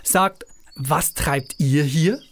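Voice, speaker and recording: An actor playing a glib, theatrical travelling minstrel who cajoles people in an audio drama. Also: male voice, fairly high pitch, extremely slow, heavily acted. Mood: cajoling. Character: brash, persuasive travelling minstrel and showman. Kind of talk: scripted audio drama acting.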